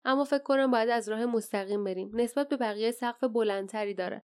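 A woman voices a burly, gruff warrior who grumbles about the path and calls out boldly to unseen foes. Her voice is only lightly changed for him, in a storybook reading. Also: fairly high pitch, close to an everyday voice. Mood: grumbling. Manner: grumbling, then loudly challenging. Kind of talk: audiobook character voice.

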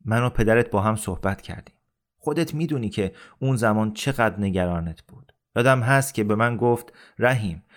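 A dying older man, gentle yet persuasive, who talks in a calm and earnest way, as a male reader voices him. His voice sits fairly low, in the measured tone of an audiobook reading. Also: close to an everyday voice. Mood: stern.

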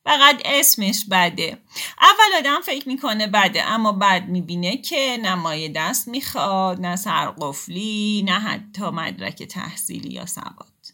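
A woman's voice: mid-range voice, animated, sharp tone, voice pushed up. A woman voicing a bold, sardonic young woman who speaks bluntly and mockingly in an audiobook story reading.

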